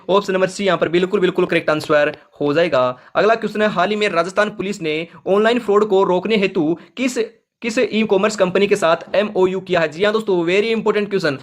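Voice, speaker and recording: A male coaching teacher running an exam quiz lesson, who reads each question and its options, then stresses the answer and keeps telling viewers to remember it. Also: sits high. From Rajasthan, India. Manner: addresses viewers as friends, urges them to remember. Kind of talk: current affairs quiz lesson.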